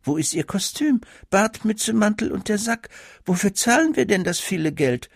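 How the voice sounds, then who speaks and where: A man voicing an indignant middle-aged mother, pushing his voice higher and sounding shrill. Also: fairly even intonation, normal speed, darkish tone, no room sound, studio quality.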